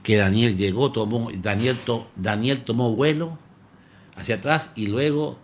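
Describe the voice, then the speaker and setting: A pastor from Chile with a Chilean Spanish accent, preaching a live-streamed sermon in an animated storytelling manner. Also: male voice, mid-range voice, measured pace, slight background noise. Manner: animated storytelling, addresses listeners as "hermano".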